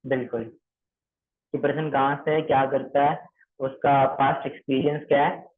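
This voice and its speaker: A medium-pitched male voice, flat and at normal speed, guides trainees through a calling script. The speaker, from Maharashtra, repeats himself, checks comprehension frequently, and slips English phrases into Hindi; the audio is tinny and phone-like.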